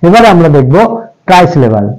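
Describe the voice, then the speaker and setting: A man's slightly high voice explains a grammar lesson with patience. He goes over each point more than once, and he draws out example words slowly, one part at a time. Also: very animated, darkish tone, low-quality recording. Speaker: English grammar teacher. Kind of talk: classroom-style explanation in Bengali.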